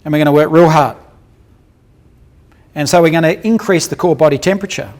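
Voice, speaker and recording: A man with a fairly high, slightly mellow voice speaks fairly quickly through a case-based clinical dental lecture. He keeps it blunt and colloquial, throwing in jokes and questions for his listeners.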